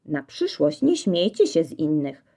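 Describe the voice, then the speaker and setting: A woman voicing a wise old male horse in a storybook, who judges and lectures calmly. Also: deep voice, measured pace, full character voice. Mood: instructive. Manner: calm, instructive.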